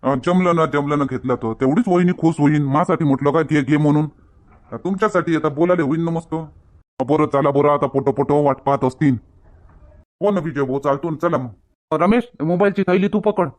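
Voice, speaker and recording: A man's voice: on the high side, fairly quick. Grumbling man in a village comedy skit. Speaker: comedy sketch actor.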